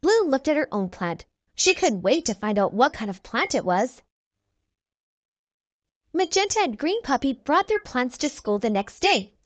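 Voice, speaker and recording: A woman reads a children's book aloud for young children, narrating expressively and enunciating carefully. Her voice is high-pitched and sing-song, her pace unhurried, and there is no echo.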